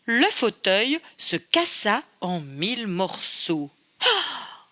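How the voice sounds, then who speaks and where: A woman reading a fairy tale aloud to children, telling it in an expressive, playful way. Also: mid-range voice, slow pace. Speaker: storyteller.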